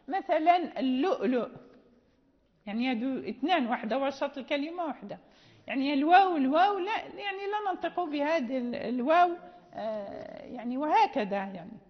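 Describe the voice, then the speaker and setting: A woman with a Moroccan Arabic accent gives a patient, explanatory classroom lecture on Quran recitation and often checks in with her students. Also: high voice. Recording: dull lo-fi sound with long hall reverb.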